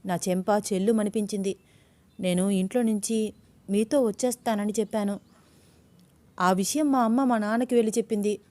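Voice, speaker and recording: A woman's voice: fairly even intonation, moderate pace, pauses often, mellow, no room sound, natural voice. A woman voicing a young woman in love who is agitated and fiery, in an audio story. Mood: angry. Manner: shrill, agitated pleading.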